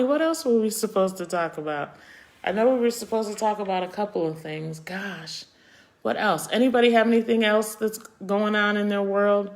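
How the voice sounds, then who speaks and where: A middle-aged woman hosts a casual live chat, talking straight to her viewers. She speaks her mind bluntly and turns tender and emotional, getting choked up as she talks. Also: medium pitch. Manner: opinionated, reacting to viewer comments. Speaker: host of a live chat show.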